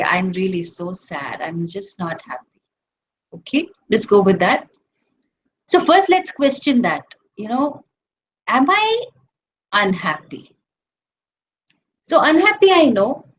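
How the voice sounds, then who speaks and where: A woman's voice: a little high, a bit bright. A woman spiritual teacher with an Indian accent giving a conversational scripture lecture, hesitant with many fillers and often acting out the voices she quotes. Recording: slightly dull recording with faint hiss.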